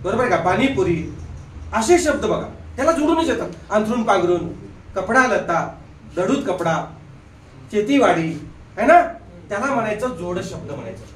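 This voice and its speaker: A male grammar teacher giving a live classroom lesson, quizzing his students with quick questions and repeating "look here". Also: high-pitched, sing-song, slight background noise. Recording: echoey room from a distant mic.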